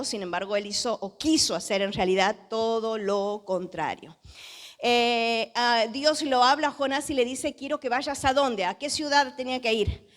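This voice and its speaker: An Argentine woman pastor preaching a sermon, telling a story with lively rhetorical questions to the congregation. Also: fairly high pitch. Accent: Argentine Spanish.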